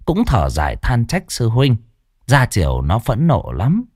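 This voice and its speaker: A man narrating a comic story with expressive, swooping delivery. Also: medium pitch, measured pace, no room sound, studio quality.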